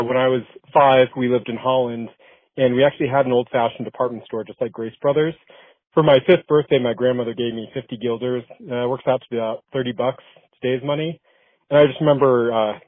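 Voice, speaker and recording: A man's voice: medium pitch, steady tone, quick pace, dry recording. A man leaving a casual, chatty voice message for a podcast, with many ums and uhs. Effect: voice message played over a phone line. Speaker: podcast listener caller. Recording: tinny dry phone line.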